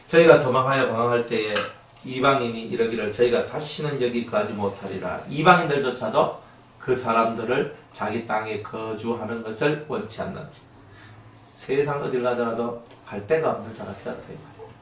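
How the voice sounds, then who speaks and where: A male pastor delivering a sermon in an animated way, acting out the voices of people and raising his voice for emphasis. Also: medium pitch, normal speed, reverberant, recorded from a distance, slight background noise.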